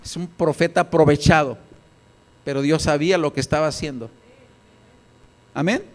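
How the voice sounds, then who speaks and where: A Mexican man preaches a Sunday sermon in a church, telling animated stories full of acted voices. His voice sits high for a man. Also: moderate pace.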